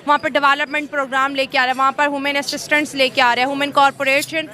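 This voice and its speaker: Male street interviewer, high bright voice, explaining and questioning outdoors. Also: flat delivery, fast talker.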